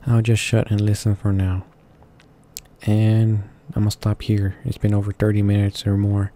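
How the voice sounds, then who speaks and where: Over gently playing game music, a gaming channel host reads visual novel narration in a casual, halting way, correcting his stumbles and adding asides. His lowish voice is completely flat and moves at normal speed.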